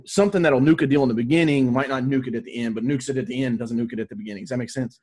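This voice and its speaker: A husky-voiced man speaks as a sales coach in a casual interview. His pitch sits in the middle range, and he talks in an informal, emphatic way peppered with salty slang and buddy talk. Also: very fast, a little mellow.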